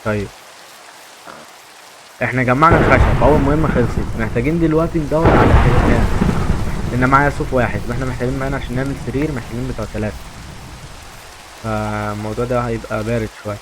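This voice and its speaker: A man's voice: mid-range voice, fairly even intonation, racing, pauses often, very noisy. A young man with an Egyptian accent, chatting to viewers as he plays a survival game, repeating himself as he goes. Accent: Egyptian Arabic. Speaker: gaming YouTuber. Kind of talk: casual gameplay commentary.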